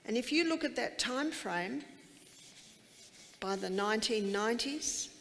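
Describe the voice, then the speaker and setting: A woman's voice: a little high, animated, measured pace, vocal fry, fairly bright tone, a little hiss or hum. Woman, seminar speaker, quizzes the crowd emphatically; reverberant hall sound. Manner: emphatic, asks many rhetorical questions. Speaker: health educator giving a seminar. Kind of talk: live lecture to an audience.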